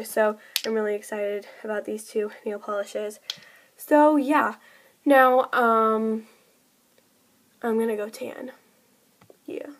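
A young woman talks into her camera at home, chatting through a shopping haul. Her voice sits a little high, and she peppers her talk with "like" and quick giggly asides. A faint hiss sits under the recording. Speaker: vlogger. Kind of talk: casual haul vlog.

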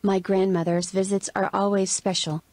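A woman's voice: medium pitch, level tone, a little slow, darkish tone, dry recording. A synthetic female voice from a language app reading short example sentences evenly.

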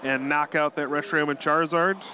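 A man calling a live card-game tournament match play by play, quick and analytical, chuckling often. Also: fairly high pitch, fairly even intonation, bright, forceful tone. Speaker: tournament commentator.

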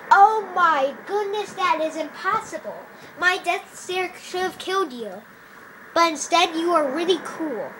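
Woman, high and unhurried, goofy roleplay narrator switching voices; hiss and noise behind. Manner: goofy, jumps between playful character voices. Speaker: roleplay narrator voicing game characters. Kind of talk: homemade game roleplay. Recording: noisy home recording.

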